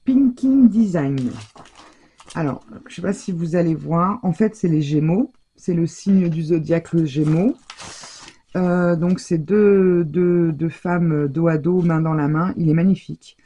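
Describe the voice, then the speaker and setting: Husky, low-voiced woman chatting through a craft haul. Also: fairly even intonation, measured pace, mellow. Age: middle-aged. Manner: chatty, hesitant, full of fillers and self-corrections. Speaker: crafting vlogger showing a shopping haul. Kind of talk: casual haul presentation.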